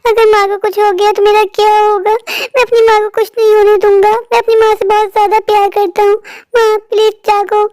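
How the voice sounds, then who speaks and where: A timid young boy devoted to his mother, voiced by a woman, in a cartoon story. The voice is very high and earnest, often pleading. The sound is dry and close. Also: flat delivery, fairly quick, darkish tone, no echo. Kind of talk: cartoon voice acting.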